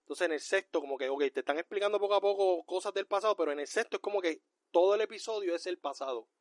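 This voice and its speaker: A man co-hosting a podcast in casual pop-culture chat, ranting loudly with lots of profanity. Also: high voice, quick pace, dry recording, clean studio sound. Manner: loud, profane, animated ranting. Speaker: podcast co-host.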